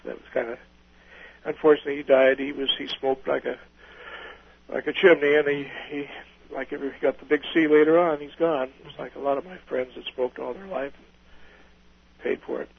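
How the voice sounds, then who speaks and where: A man's voice: medium pitch, steady tone, brisk, gravelly, pauses often, breathy edge, narrow, tinny audio. An older man, a retired pilot, telling folksy, rambling stories in an oral history interview, restarting his sentences often.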